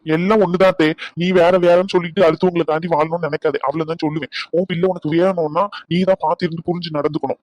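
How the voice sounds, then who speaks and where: Man playing a fast, scolding young nephew. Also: on the high side, steady tone, darkish tone, no echo, lightly acted. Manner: scolding, insistent. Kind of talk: cartoon family drama acting.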